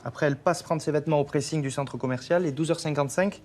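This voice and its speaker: Man acting a brisk, methodical police technician. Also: a little high, darkish tone, lightly acted. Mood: focused. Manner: brisk, factual reporting. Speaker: actor in a police series. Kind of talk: naturalistic TV crime drama acting. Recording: TV soundtrack with background ambience noise.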